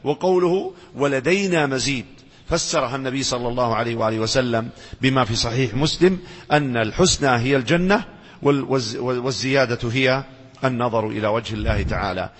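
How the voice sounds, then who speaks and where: A man teaching a religious lesson. He chants verses slowly, then explains them and asks the audience questions that he answers himself. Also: medium pitch, breathy edge. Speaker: Islamic scholar lecturing. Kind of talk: religious lecture with Quran recitation. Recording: lecture hall with long reverb.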